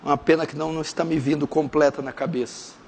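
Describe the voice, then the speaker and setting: A man preaching a sermon as pastor, dropping to hushed tones and rising to shouted fervor. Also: fairly even intonation, fast talker, vocal fry. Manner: swings from hushed intimate lows to shouted fervent climaxes. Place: church sanctuary. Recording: long hall reverb.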